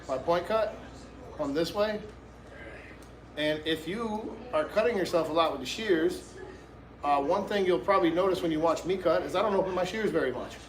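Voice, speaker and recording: A man's voice: on the high side, moderate pace, echoey room, poor audio. A man hosting a live haircut tutorial as a barber, talking casually and in slang straight to his viewers. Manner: informal, slangy, addresses viewers directly. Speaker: barber and livestream host giving a haircut tutorial.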